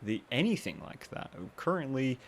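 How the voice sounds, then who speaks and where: A man hosting a podcast in a casual, rambling monologue, with self-mocking asides and quoted voices acted out higher. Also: sing-song, moderate pace, slight background noise. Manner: acts out what others say in higher voices. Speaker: podcast host.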